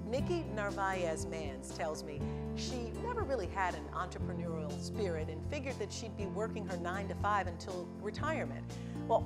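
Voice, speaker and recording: An emphatic woman presenter introduces her show and talks with her guest in a lively, up-and-down voice. Loud music plays under her words. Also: medium pitch. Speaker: host. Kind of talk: show host intro and interview.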